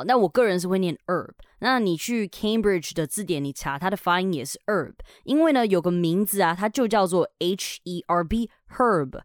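A woman's voice: fairly low pitch, dry recording, clean studio sound. A woman hosting a podcast English lesson, upbeat and chatty, slipping English words into her talk. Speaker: English teacher and podcast host.

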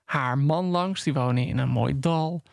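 A man retelling a novel's plot on a studio podcast, halting and restarting often. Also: mid-range voice, vocal fry, dry recording. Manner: halting, full of restarts and ums. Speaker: podcast co-host. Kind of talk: casual book discussion. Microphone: studio microphone.

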